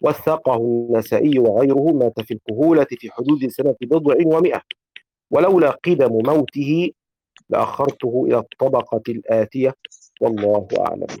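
A man's voice: mid-range voice, dull audio. Man reciting a classical text aloud. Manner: measured recitation, asks polite questions. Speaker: student reading the text aloud. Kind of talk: reading a classical text in a lesson.

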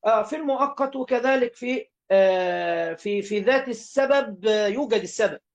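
A man's voice: high-pitched, brisk, faint music behind. A man with an Egyptian accent teaching religious law, reading each line of a classical text aloud, then repeating and explaining it.

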